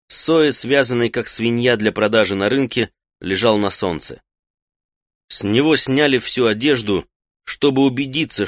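A man reading an audiobook in steady, even scripted narration. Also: lowish voice, dry recording. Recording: dry close studio sound.

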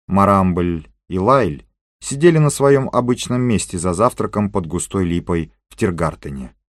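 Audiobook narrator, male, low voice, measured reading, dry close sound. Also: no room sound. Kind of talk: scripted narration.

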